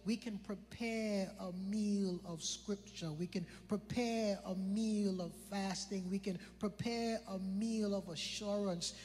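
High-voiced Virgin Islands preacher. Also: male voice, steady tone, takes it slowly, few pauses, darkish tone, long reverb tail, faint music behind. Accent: British Virgin Islands. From British Virgin Islands. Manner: questions the congregation, repeats phrases for emphasis. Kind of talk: sermon.

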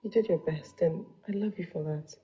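An actress playing a gentle, lovelorn young wife, earnest and subdued, in a naturalistic screen drama. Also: female voice, fairly low pitch, normal speed, husky. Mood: consoling, tender.

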